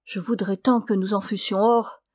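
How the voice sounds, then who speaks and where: A woman voicing a torn, impulsive young man who speaks in a louder, urgent, pleading way, in a dry recording. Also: medium pitch, fairly even intonation, moderate pace, no echo, close to an everyday voice.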